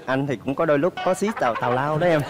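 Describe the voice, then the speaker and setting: A man's voice: a little high, rapid-fire, a loud crowd, heavy background noise. Polite hesitant young man on a dating show. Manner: polite, hesitant, many fillers. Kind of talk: answering host questions. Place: television studio with audience.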